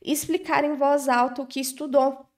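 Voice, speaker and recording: A woman's voice: high-pitched, fairly even intonation, moderate pace, a little mellow. A young woman teaching English study techniques in an online lesson, explaining step by step and often checking in with listeners.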